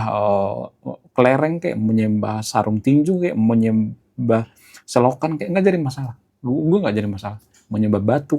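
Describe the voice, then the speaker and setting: A man in a casual, opinionated monologue to his viewers, rambling through long lists with lively jumps in tone. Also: mid-range voice, vocal fry, breathy edge. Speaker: YouTube commentator.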